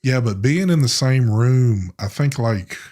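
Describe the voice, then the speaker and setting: On a live vape stream, a male co-host keeps up relaxed, meandering chat with casual swearing. He has a mid-range, slightly mellow voice, lively intonation, and an unhurried, measured pace.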